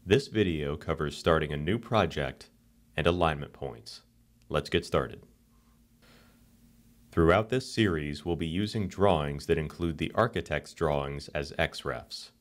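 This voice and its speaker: A man with a very deep voice reads a software screencast script at a measured pace. His instruction is calm and even, and he walks through each step without hurry.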